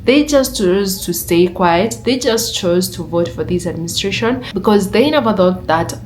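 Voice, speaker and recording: A woman's voice: mid-range voice, lively intonation, normal speed, slight background noise. Earnest, indignant woman commentator. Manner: earnest, indignant, building arguments. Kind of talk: reaction commentary.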